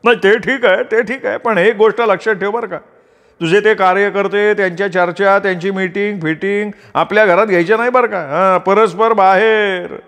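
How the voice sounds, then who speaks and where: A man's voice: sits high, fairly even intonation, moderate pace, fairly bright tone, pitched above the performer's own voice. A man voicing a dry, mocking elder brother who works as a bank cashier, in an audiobook story. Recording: roomy reverb.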